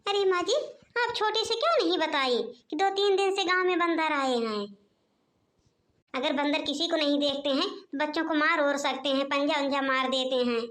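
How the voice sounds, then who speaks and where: A woman's voice: high-pitched, moderate pace, fairly bright tone. A woman voicing a chatty, reasonable elder daughter-in-law in a cartoon, explaining things in a friendly, talkative way. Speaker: cartoon narrator and voice actor. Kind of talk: cartoon voice acting.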